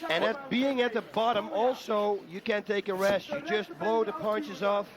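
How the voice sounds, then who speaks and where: A man's voice: high-pitched, steady tone, moderate pace. A man giving live color commentary on a fight, urging tactics in a repetitive, coaching-like way. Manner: urgent, repetitive coaching-style analysis. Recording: live over a loud arena crowd. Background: roaring fight crowd.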